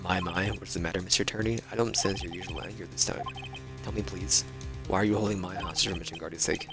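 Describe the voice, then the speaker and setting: A man's voice: sits low, steady tone, gravelly. A man reading a courteous cold assassin. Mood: menacing calm. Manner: courteous, measured, menacing. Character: polite cold male assassin, calm, courteous. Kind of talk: reading game dialogue aloud. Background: game music.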